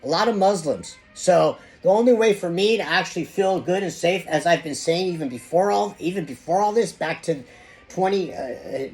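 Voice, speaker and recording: A man gives an informal opinion monologue in a voice a bit higher than usual. He stops and restarts, repeating phrases for emphasis. Music plays faintly behind him. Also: low-quality recording. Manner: halting, repetitive, emphatic. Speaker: video host.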